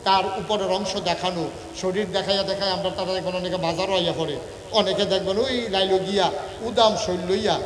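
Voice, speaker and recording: A man with a high, ringing voice delivers a humorous sermon, moving from storytelling into sung, chanted phrases. He sounds far from the microphone, and his voice carries a long reverb through a large echoing hall. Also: steady tone, brisk. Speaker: preacher. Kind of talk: humorous sermon at a religious gathering. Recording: echoey hall, far from mic.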